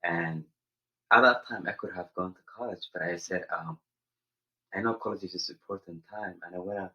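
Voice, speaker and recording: Low-voiced young man from Somaliland. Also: moderate pace, pushed and bright, muffled recording. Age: young adult. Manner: earnest, searching for words with frequent fillers. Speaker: guest, college senior. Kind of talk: casual interview answers.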